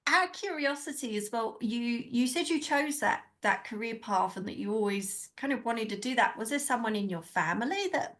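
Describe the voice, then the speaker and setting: A woman hosting an interview podcast, reading a bright scripted intro and then asking friendly questions. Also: a little high. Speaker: podcast host. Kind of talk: casual interview chat.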